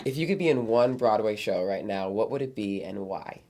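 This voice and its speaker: A man's voice: fairly low pitch, normal speed, darkish tone, a little hiss or hum. A male interviewer who puts friendly questions to his guest. He is eager and generous with his compliments. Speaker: interview host.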